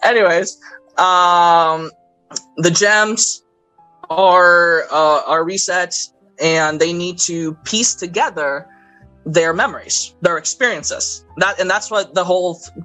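A man hosting a podcast, casually recapping a cartoon movie in an animated way and acting out characters' lines in quoted voices. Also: high-pitched, takes it slowly, faint music behind, rough recording. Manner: frequent fillers and laughter. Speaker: podcast host.

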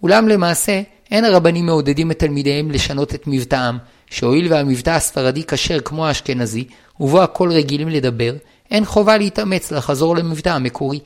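Man, slightly high voice, formal read-aloud of a legal text, steady recited pace. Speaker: reader of a religious law book.

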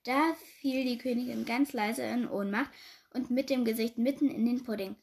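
A woman reading a children's story aloud in a lively, expressive way. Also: fairly high pitch, moderate pace, vocal fry.

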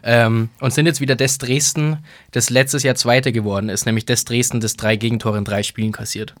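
A man's voice: mid-range voice, steady tone, brisk, fairly bright tone, dry recording. A man co-hosting a casual ice hockey podcast, laughing often and mimicking voices as he tells stories. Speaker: podcast co-host.

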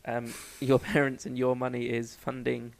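A London man in his twenties co-hosts a podcast, chatting casually in a gravelly mid-range voice with a completely flat delivery at a moderate pace. He rambles, jokes, and cuts himself off mid-sentence, and the audio quality is poor.

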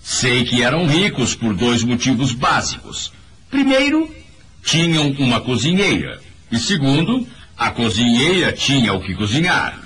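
A man's voice: medium pitch, sing-song, unhurried, fairly bright tone. Emphatic man giving a motivational speech. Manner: emphatic, preachy, addresses the audience directly. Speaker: motivational speaker.

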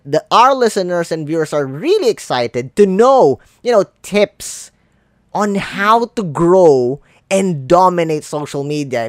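A Filipino man who speaks English as a second language hosts a casual podcast interview, talking earnestly and encouragingly about love and positivity. His voice is fairly high, clear and resonant, captured with clean studio sound and no echo.

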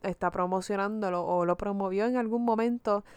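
A woman co-hosting a podcast in casual chat, teasing and quick with jokes. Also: medium pitch, steady tone, a little mellow, smooth, dry recording. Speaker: podcast co-host.

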